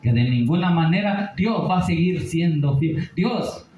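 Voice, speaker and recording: A man teaches a Bible study as a sermon, his voice mellow and warm. He keeps asking rhetorical questions and checks in with his listeners. The sound is roomy and echoey, with a faint hiss underneath. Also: fairly high pitch, lively intonation, unhurried. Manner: preaching with rhetorical questions and tag "¿verdad?". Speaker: pastor.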